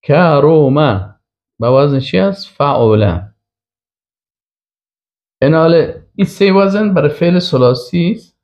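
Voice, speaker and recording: A man's voice: fairly high pitch, lively intonation, pauses often, a little mellow. A male professor giving a classroom grammar lecture. He speaks, asks himself questions aloud and drawls out the example words. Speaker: professor teaching Arabic grammar. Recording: dull lo-fi recording.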